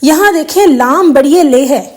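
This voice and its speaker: A woman's voice: sits high, a little mellow. A woman whose first language is Urdu, talking earnestly to her viewers about correct prayer recitation, explaining with examples and slipping in English phrases. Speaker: religious video host. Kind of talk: casual religious talk to viewers.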